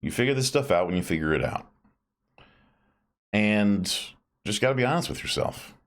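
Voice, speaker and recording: A man's voice: lowish voice, lively intonation, normal speed. A man chatting casually and in a rambling way as a live streamer. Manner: rambling, self-described grumpy old man.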